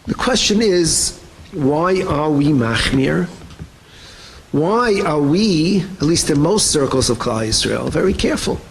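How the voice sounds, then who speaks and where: Brief: male rabbi giving a class, high and very expressive voice, light noise underneath. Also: measured pace, gravelly, rough recording. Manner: animated, acts out quoted voices, mixes Hebrew terms into English. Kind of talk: lively Torah shiur.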